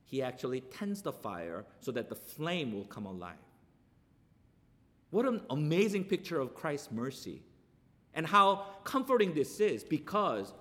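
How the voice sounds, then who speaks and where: A man's voice: fairly high pitch, a bit bright, big-room sound. A male pastor preaching a sermon, talking conversationally and asking rhetorical questions.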